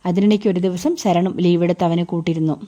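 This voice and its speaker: Woman narrating a novel, mellow tone. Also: on the low side, steady tone, a little fast, highs cut off.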